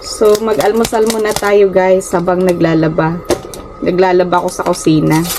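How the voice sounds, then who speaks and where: Woman with a Filipino accent, chatty home vlog, small room, steady hiss behind her. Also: on the low side, normal speed. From Philippines. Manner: chatty, often addresses viewers as guys, stumbles over words. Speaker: vlogger. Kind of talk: casual chat to viewers.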